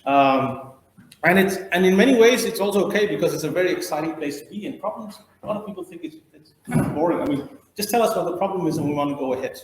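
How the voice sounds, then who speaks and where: A man's voice: high-pitched, expressive, fast talker. Man lecturing in an echoey room. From India. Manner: explanatory, thinking aloud. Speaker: trainer. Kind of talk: training lecture. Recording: roomy echo.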